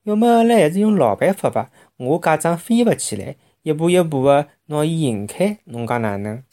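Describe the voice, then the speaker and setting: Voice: medium pitch, big pitch swings, moderate pace, mellow, natural voice. A storyteller voicing an anxious, helpful female bird who fusses urgently, with a Shanghainese accent. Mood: coaxing.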